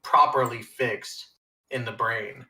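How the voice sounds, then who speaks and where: A man's voice: medium pitch, takes it slowly, sharp tone, roomy sound, poor audio. A man on a podcast panel, rambling and hedging his points in a casual chat, and laughing easily.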